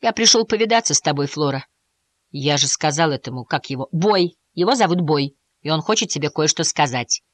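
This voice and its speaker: A woman's voice: low voice, animated, a little fast, dry recording. A woman voicing a grumpy old male mouse who grumbles and complains in a storybook. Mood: gruff.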